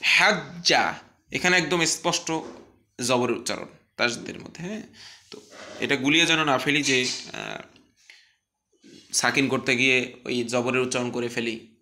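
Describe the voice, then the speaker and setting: A man's voice: steady tone, normal speed, long pauses. A man teaching an online Quran recitation lesson, patiently explaining pronunciation and repeating each syllable for students to echo. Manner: chants drill syllables louder and higher than his explanations.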